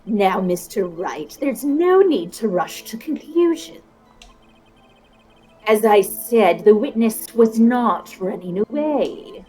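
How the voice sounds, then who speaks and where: A woman voicing a stern male prosecutor with formal, measured delivery in a video game. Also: medium pitch, lively intonation, mellow, breathy edge, soft background music, poor audio. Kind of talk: game dialogue voice-over.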